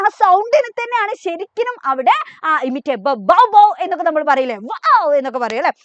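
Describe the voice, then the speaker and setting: A woman's voice: high-pitched, dry recording, lo-fi sound. A woman teacher, giving an exam revision lesson, asking questions and answering them herself, mixing in English terms.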